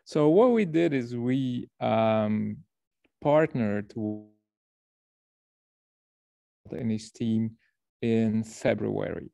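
Presenting to a workshop by video call, this man from Belgium has a lowish, gravelly, dark voice with lively intonation, drawn-out words, and frequent pauses. He explains at length and tells a story, sometimes repeating a word. The recording is close and dry, without room sound.

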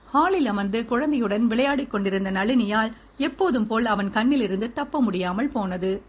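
A woman narrating a novel aloud in a steady, even reading. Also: fairly high pitch, moderate pace, slightly rough. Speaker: audiobook narrator.

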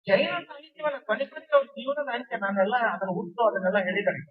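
High-voiced man preaching over a tinny line. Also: animated, very fast. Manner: storytelling, with repeated emphatic phrases. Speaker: religious speaker. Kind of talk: devotional discourse to a seated gathering. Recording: distant, tinny phone-like sound.

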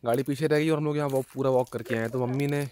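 A man in his thirties chats easily to the handheld camera he carries. He walks along outdoors and then squeezes through a cramped, dark cave, still talking the whole time. His pitch sits in the middle range for a man. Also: fairly even intonation, very fast. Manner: chatty, talks to the camera while walking. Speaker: vlogger. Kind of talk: casual travel vlog narration. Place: outdoors on a hill path, then inside a narrow dark cave. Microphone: handheld camera at arm's length.

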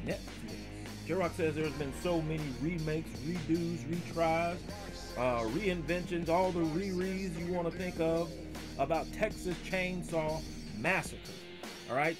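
A man in his thirties hosting a casual, slangy reaction video at home, talking about himself in the third person. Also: on the high side. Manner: slangy and excitable. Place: small room at home.

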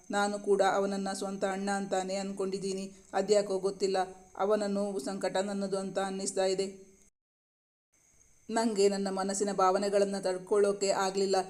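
Man reads young woman med student, earnest, high flat voice. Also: natural voice.

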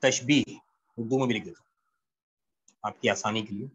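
A man giving a poetry lesson, explaining slowly and repeating key lines while switching between Hindi-Urdu and English. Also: fairly low pitch, steady tone, husky. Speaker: English literature teacher. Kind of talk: classroom-style poetry lecture.

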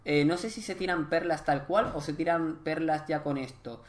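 A young man with a Spain Spanish accent doing live gameplay commentary, chatty and excitable, swearing and joking in slang. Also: on the high side, normal speed. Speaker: gaming YouTuber.

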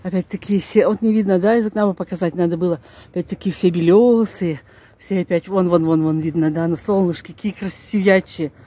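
Walking with her phone, an older vlogger with a Northern Russian accent talks colloquially to her viewers, grumbling as she goes in a lowish, steady, mellow voice at a slightly quick pace. The setting is snowy residential streets outdoors, plus short stretches in a stairwell and on a bus. Street noise fills the rough handheld phone audio.

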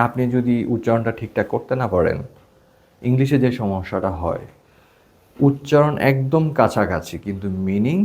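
A man's voice: lowish voice, a little mellow. A young man with a Bangladeshi Bengali accent, teaching an English class in a casual, joking way and mixing English phrases into his talk. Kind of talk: classroom lesson.

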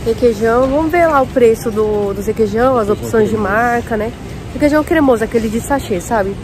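A young woman, a vlogger who also owns a café, chats to her viewers while shopping in a big warehouse supermarket, comparing prices out loud. Her voice is a little high and a little fast, and the phone she holds at arm's length picks up plenty of noisy store ambience.

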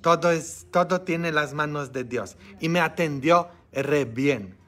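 A man preaching as a priest, talking slowly and with deliberate weight. His voice is bright and forceful, sitting a bit high for a man. He swings from near-shouted peaks to hushed, confiding asides, and keeps checking in with his listeners. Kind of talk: lively sermon and Bible study. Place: church.

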